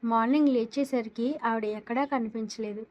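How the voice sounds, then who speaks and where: Scared teary young woman, woman reading her, high-ish voice. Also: fairly even intonation, moderate pace, muffled recording, natural voice. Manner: fearful, tearful. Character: frightened young woman, tearful.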